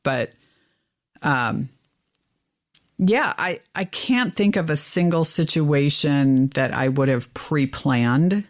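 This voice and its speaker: A woman co-hosting a podcast, chatting casually and telling stories with lively, exasperated pitch jumps. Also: slow. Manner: animated storyteller, rises in pitch when exasperated. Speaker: podcast co-host. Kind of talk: casual chat.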